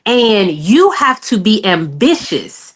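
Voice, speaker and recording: A woman speaking assertively in an opinionated group discussion, stressing her points deliberately. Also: mid-range voice, very animated, husky. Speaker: panel speaker.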